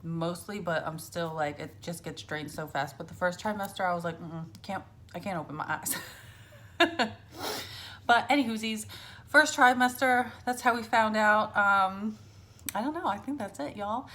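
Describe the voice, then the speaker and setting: A woman's voice: medium pitch, normal speed, sharp tone. A young adult woman vlogging casually to camera, telling a story full of fillers and acted-out quotes.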